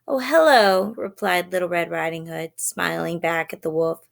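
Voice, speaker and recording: A woman reading a children's story aloud in a gentle way, pausing to explain words for young listeners. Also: on the low side, completely flat delivery, gravelly.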